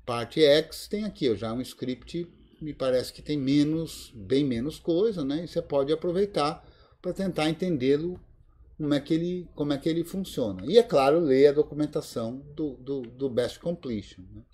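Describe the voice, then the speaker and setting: This Linux course instructor, a man with a Brazilian Portuguese accent, has a warm, fairly high-pitched voice and talks at normal speed. He leads a live screen-share tutorial over a video call mic, thinking aloud with plenty of fillers.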